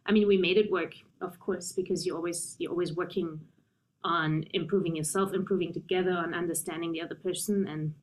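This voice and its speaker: A woman pianist in her thirties, from Germany, answering interview questions in a thoughtful, measured way. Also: on the low side, fairly even intonation, slight background noise, low-quality recording. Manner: thoughtful, measured, with frequent um and you know. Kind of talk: conversational interview.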